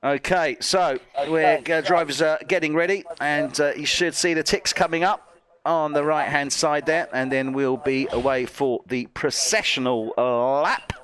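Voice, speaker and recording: A man's voice: a little high, fairly even intonation, a little slow, crowd noise. A man commentating a race casually, chatty and self-deprecating, often laughing at his own slips. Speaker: lead commentator.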